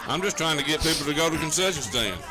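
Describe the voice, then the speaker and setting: A man's voice: a little high, lively intonation, very fast. A man adding short, dry, joking remarks to a baseball broadcast from an outdoor ballpark. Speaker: commentator. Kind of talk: casual baseball commentary. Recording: crowd noise from an outdoor ballgame.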